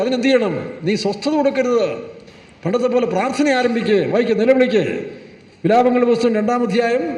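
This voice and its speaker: A pastor delivers a sermon in a scolding tone, firing rhetorical questions at his congregation in a voice that is high for a man and a little mellow. The mic sits far off in a church hall, giving a long, roomy echo.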